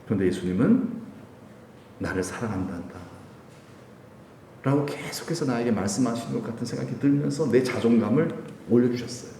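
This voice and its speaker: A man preaches a Sunday sermon, telling a personal story in a lively way and laughing between phrases. His voice is warm and mellow. He is heard from a distance, with long church reverb and faint ambient noise behind him. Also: medium pitch, brisk, vocal fry, pauses often. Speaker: pastor. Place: church sanctuary. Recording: echoey hall, voice from a distance.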